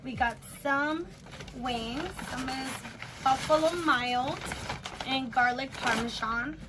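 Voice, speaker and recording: A woman's voice: high-pitched, slow, background noise. A woman in her twenties hosting a casual eating video, chatting and switching between English and Spanish. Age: 20s. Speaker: host. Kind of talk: casual chat mukbang.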